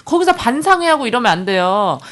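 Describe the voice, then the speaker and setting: Woman host chatting casually, blunt and jokey, pitch bouncing all over. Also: very animated, brisk, a bit bright. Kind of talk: casual chat.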